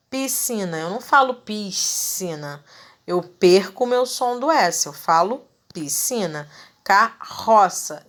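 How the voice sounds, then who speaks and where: A woman teacher giving a recorded grammar lesson, enunciating example words carefully and checking in with her students in a friendly way. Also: mid-range voice. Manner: friendly, checks in with "tá bom, gente?".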